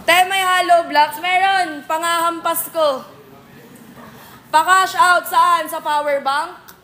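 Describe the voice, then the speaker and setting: A woman's voice: very high voice, steady tone, slow pace, bright, forceful tone. A woman hosting a casual live stream, answering viewer comments with playful, teasing comebacks. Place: billiards venue.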